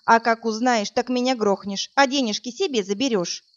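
A woman's voice: fairly high pitch, normal speed, dull audio, close to an everyday voice. A woman voicing a frightened but defiant young captive woman in a read-aloud crime story. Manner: pleading then sharp, tense.

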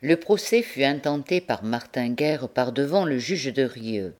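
Female audiobook narrator, low and deep-toned, expressive classic-novel reading. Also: a little slow, soft background music. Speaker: volunteer audiobook reader.

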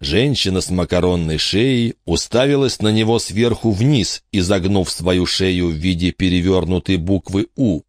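A man narrating a children's adventure novel in an expressive storytelling manner. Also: deep voice, moderate pace, hardly any pauses, no echo, studio quality. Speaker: audiobook narrator. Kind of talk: scripted narration.

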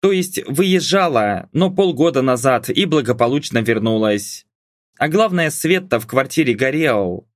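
A man's voice: medium pitch, lively intonation, a little slow, dry recording. A male audiobook narrator with a mid-range voice, reading a novel expressively. The recording is dry and close, with no room sound. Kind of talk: scripted narration.

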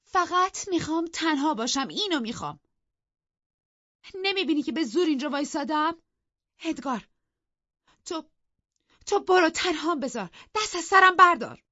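A woman voicing a hysterical, willful young noblewoman in an audiobook, speaking in shrill, shouting outbursts. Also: animated, long pauses, dry recording, dull audio. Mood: furious. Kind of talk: audiobook character reading.

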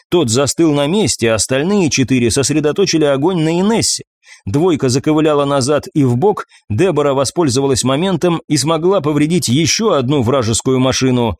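A man reading an audiobook in a measured, even storytelling voice. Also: mid-range voice, no echo. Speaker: audiobook narrator. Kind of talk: scripted narration.

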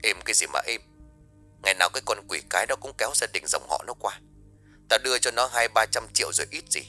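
A man voicing an anxious middle-aged mother on the phone who scolds her son in a hushed, rapid complaint. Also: lowish voice, animated, faint music behind. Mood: exasperated.

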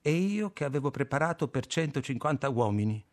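A man's voice: mid-range voice, lively intonation, brisk, natural voice. A man playing a dazed, stubborn army cook who talks in a dull, obstinate way.

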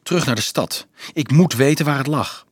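A man's voice: mid-range voice, normal speed, slightly rough, no room sound, clean studio sound, pitched above the performer's own voice, lightly acted. A man voicing an anxious young man in a storybook, speaking urgently and with a troubled tone. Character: anxious young man searching for his father.

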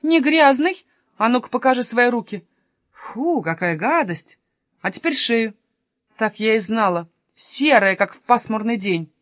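A woman voicing a strict, bossy aunt who rules the house, sharp and commanding. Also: on the high side, expressive, measured pace, no echo, clean studio sound. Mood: scolding. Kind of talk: storybook reading.

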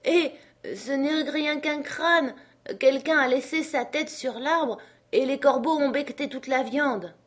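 A woman voicing an excitable old male servant who is fearful and chatty, speaking with loud exclamations and pleading. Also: high-pitched, measured pace, voice pushed up. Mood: alarmed.

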